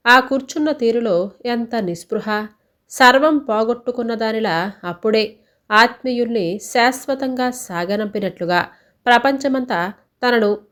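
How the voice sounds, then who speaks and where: A woman reading a first-person story aloud in a measured, expressive way. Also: fairly high pitch.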